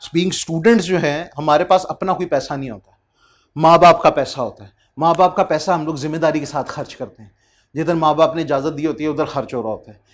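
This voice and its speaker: A man from Pakistan, in his thirties, talks through an accountancy lesson in an informal way, his voice leaning high. He reads the English material slowly and keeps asking rhetorical questions.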